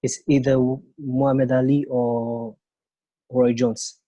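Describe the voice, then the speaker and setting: A man's voice: mid-range voice, level tone, takes it slowly, dark tone, no room sound, lo-fi sound. A man from France, a native French speaker, giving brief, hesitant answers as a guest on a video call.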